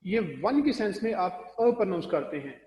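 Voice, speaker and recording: A man teaching English pronunciation in a recorded classroom lecture, explaining slowly and spelling words out letter by letter. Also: high voice, very animated, a little mellow, reverberant, in a large hall, poor audio.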